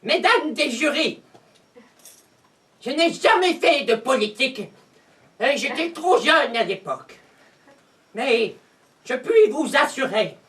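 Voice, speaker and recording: A high, lively voice belongs to a muddled old mother, played by a woman, rambling on and contradicting everyone with stubborn indignation. She sounds far from the microphone, and noise hangs behind her in a stage comedy recording. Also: full character voice. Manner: rambling, indignant, insists she hears fine. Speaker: witness. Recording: distant stage mic with noise.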